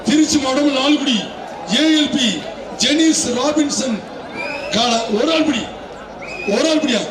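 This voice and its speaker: A man announcing a live bull-taming event over a loudspeaker, with excited shouted calls and cheers. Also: extremely high pitch, unhurried, background noise. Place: outdoor arena. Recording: echoey loudspeaker from far off, loud crowd.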